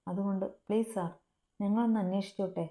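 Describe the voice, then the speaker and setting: A woman's voice: mid-range voice, steady tone, quick pace, warm tone, close to an everyday voice. A woman voicing an anxious young man who pleads urgently, in a story reading. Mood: pleading. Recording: roomy echo.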